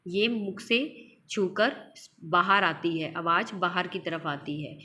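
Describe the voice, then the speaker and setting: A woman's voice: on the low side, sharp tone. A woman teacher giving a school grammar lesson, drawing out example sounds and explaining each point with repetition. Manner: slow, drawn-out example sounds, explains and repeats.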